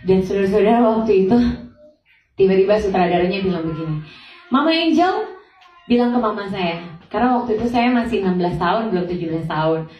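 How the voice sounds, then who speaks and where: A young woman giving a church testimony, telling her story in a lively way and acting out the dialogue for the congregation. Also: mid-range voice, fast talker. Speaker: testimony speaker. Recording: echoey hall, far from mic, dull.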